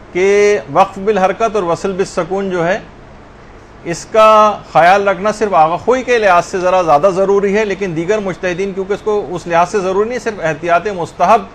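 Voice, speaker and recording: High-voiced man teaching Quran recitation. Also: a little hiss or hum. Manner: slow chanted demonstrations of verses. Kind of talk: religious lesson on recitation.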